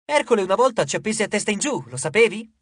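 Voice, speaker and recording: A man's voice: high voice, sing-song, quick pace, fairly bright tone, husky, no echo, studio quality, pitched above the performer's own voice, heavily acted. A man voicing a boastful, mischievous male dwarf in an audiobook, with a cheeky, mocking manner. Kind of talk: audiobook character voice.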